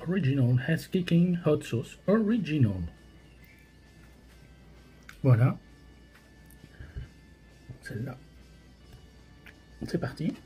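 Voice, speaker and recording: A man's voice: on the high side, big pitch swings, slow, pauses often, warm tone, faint music behind, low-quality recording. A man gives casual, hesitant tasting commentary as a host, his mouth burning from spicy food. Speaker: host of a hot sauce tasting challenge.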